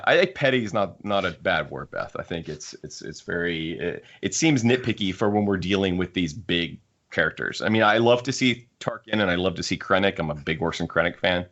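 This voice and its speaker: A man co-hosts a casual podcast panel, talking things through at length in an analytical, discursive way. His fairly low, fairly bright voice is animated and a little fast, and the lo-fi audio is dull and muffled.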